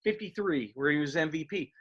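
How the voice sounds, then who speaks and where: A man, talking as an interview guest and reminiscing in a halting way, with many fillers and restarts. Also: a little high, lively intonation, fairly bright tone, dull audio. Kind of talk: casual interview.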